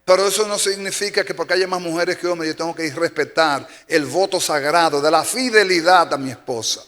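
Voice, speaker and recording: With a Dominican Spanish accent, a pastor from the Dominican Republic preaches with emphasis, repeating key phrases for effect. His voice is a little high, fairly bright and a little fast. The church sanctuary gives long reverb, and faint music is audible.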